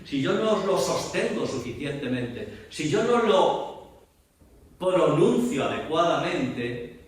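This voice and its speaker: A man with a fairly high voice lectures in a big echoey hall, picked up from far off with faint ambient noise. He teaches by reciting verse with lively emphasis. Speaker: theater director and voice teacher. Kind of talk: lecture in a masterclass. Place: large echoey room. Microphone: distant room mic.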